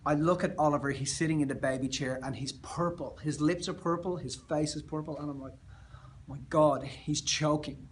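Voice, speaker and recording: An Australian man speaking as a motivational speaker, telling a personal story in an earnest, emphatic way that often trails off softer. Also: a little high, fairly even intonation, brisk, few pauses, slight background noise.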